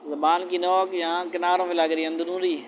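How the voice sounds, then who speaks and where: Male Quran teacher with a high voice, drilling letter sounds with rhetorical questions, on a muffled recording. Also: little pitch movement. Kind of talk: classroom lesson on letter pronunciation. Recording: dull lo-fi with faint noise.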